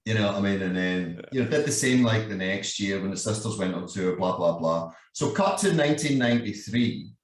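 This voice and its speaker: A man's voice: on the low side, lively intonation, brisk, few pauses, distant mic. A Scottish man in his fifties with a Glasgow accent, telling a story as a guest in a casual, sweary chat and laughing often. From Scotland. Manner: sweary, laughs often, keeps saying "you know what I mean". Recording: roomy sound from away from the mic.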